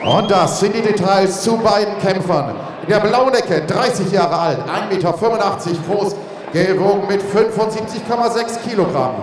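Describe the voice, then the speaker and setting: A man working as a ring announcer, introducing fighters in a formal, showy arena announcer style with drawn-out names. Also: high-pitched, lively intonation, background noise. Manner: drawn-out showman delivery of names. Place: large indoor arena, in the boxing ring. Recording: echoey arena PA with long reverb.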